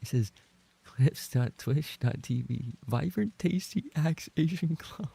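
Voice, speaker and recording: A livestream host and roleplay voice actor chats casually, reading and reacting to viewer messages in a very gravelly, creaky voice. His pitch sits on the high side with lively intonation, a slow pace and a warm tone. He's playfully mock-indignant and sweary, and repeats phrases when flustered.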